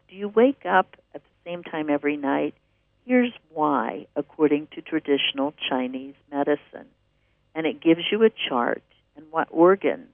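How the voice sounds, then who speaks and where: On narrow, phone-like radio audio with no echo, a man with a fairly high voice hosts a show, chatting casually and enthusiastically as he wanders through promotions for classes and articles.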